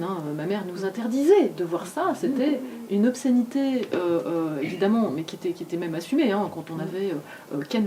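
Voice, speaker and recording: Woman, 40s, author guest at a bookshop talk, halting, mellow low voice, mic set far off. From grew up in Argentina and France. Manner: hesitant, many fillers and restarts. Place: bookshop event. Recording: distant mic, faint room noise.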